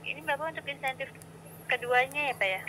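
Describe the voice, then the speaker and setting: Brisk, bright female customer service agent. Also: high voice. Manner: polite, formal customer service voice. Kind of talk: scripted customer service phone talk. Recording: phone call recording with clear background noise.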